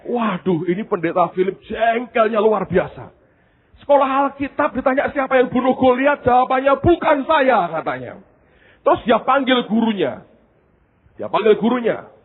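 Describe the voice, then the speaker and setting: A man's voice: extremely high pitch, moderate pace, slightly rough. A male pastor preaching a sermon, telling stories with animation and often addressing the congregation directly. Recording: tinny phone-like sound.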